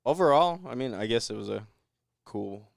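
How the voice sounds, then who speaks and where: A man's voice: medium pitch, animated, normal speed, vocal fry, no room sound, clean studio sound. A man co-hosting a podcast, giving a rambling, laid-back recap of a movie in casual chat with chuckles. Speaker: podcast co-host.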